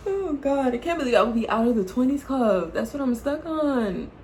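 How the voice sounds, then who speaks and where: This English-speaking vlogger in her late twenties has a high-pitched voice with a darkish tone, recorded with a bit of hiss or hum. Talking casually to camera, she teases playfully, laughs a lot, and addresses her audience as y'all.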